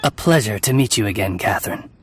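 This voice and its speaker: A man's voice: on the low side, lively intonation, quick pace, over loud music, close to an everyday voice. A man voicing a humble, polite talking raven in a video game, speaking formally like a butler. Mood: courteous. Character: courteous male talking raven, humble familiar to a princess.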